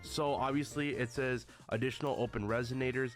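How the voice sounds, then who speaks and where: A gaming YouTuber who's a little sick talks casually to viewers about a game update, often calling them "guys." His medium-pitched voice is steady and fairly quick, with faint music in the background.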